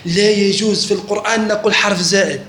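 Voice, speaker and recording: Echo and faint background noise surround a religious teacher who talks fast in a high voice with a fairly bright tone and fairly even intonation. During the lesson he keeps stopping to ask students whether they follow.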